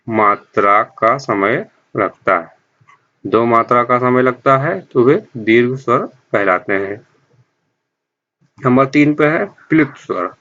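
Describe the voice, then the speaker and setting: Guy teaching exam grammar, bright forceful voice, asks a question then answers it himself, kinda dull lo-fi audio. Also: medium pitch. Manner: explains by asking questions and answering them himself; repeats key terms slowly. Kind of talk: exam-prep grammar lesson. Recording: dull lo-fi sound.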